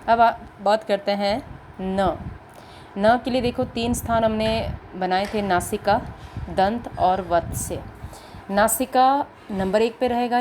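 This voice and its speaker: A woman's voice: mid-range voice, noisy background. Patient woman teaching grammar to kids. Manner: patient, asks and answers her own questions. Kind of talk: Hindi grammar lesson for children.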